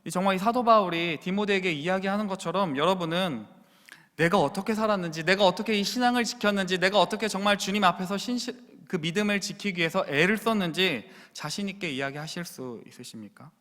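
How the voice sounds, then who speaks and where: A man's voice: high-pitched, fast, fairly bright tone. A man preaching a sermon as pastor in a church, earnestly putting questions straight to the congregation. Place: church sanctuary. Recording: long church reverb.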